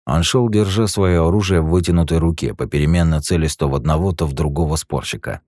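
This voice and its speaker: A man narrating an action audiobook in a steady storytelling manner. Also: very deep voice, fast talker, no echo, studio quality.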